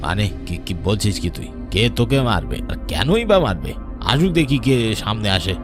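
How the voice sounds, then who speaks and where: A man playing a gruff, scolding village headman in a cartoon ghost story, with a brusque, commanding manner. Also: lowish voice, big pitch swings, moderate pace. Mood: scornful, impatient. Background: prominent background music.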